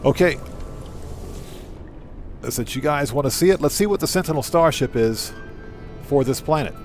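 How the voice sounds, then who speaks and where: A game streamer hosts casual live commentary, talking himself through each step and chatting with his viewers. His voice is a little high, expressive and a little mellow, at a moderate pace. Soft music plays in the background.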